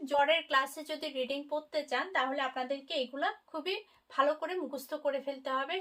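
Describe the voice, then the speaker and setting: A woman giving an online language lesson, explaining each letter and repeating example words slowly and deliberately. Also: high voice, a bit bright. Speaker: language teacher.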